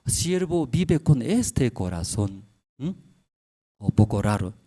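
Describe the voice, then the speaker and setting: A man delivers a heartfelt sermon at a middling pitch. He pulls his voice down to near-murmurs, then swells into loud, fervent peaks. He checks in with the congregation through quick questions. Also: big pitch swings. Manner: emotional storytelling, swings from soft to loud emphatic bursts, frequent tag questions. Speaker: pastor.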